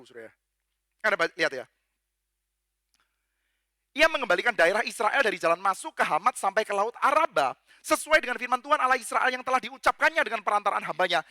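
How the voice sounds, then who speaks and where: A male pastor preaching a sermon in a lively, joking way, dropping in English phrases and acting out quoted voices. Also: dry recording, clean studio sound. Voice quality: acts out quoted voices with big pitch jumps. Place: church.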